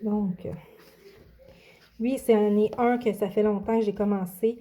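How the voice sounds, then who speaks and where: A woman's voice: medium pitch, fairly even intonation, a little slow, dark tone. Hesitant Québécoise woman showing her coloring. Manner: hesitant, many fillers and restarts. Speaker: adult coloring vlogger. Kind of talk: casual show-and-tell vlog.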